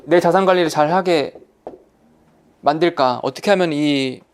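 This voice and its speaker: A man giving an online lecture on insurance, talking in an animated, colloquial way and repeating key words for emphasis. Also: a little high, normal speed, clear, resonant tone. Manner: animated, acts out salespeople's lines in quotes.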